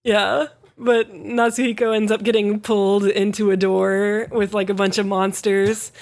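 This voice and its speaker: Animated young woman recapping a story. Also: medium pitch. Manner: animated storytelling with quick voiced asides and swearing. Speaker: podcast co-host recapping an anime. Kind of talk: casual chat.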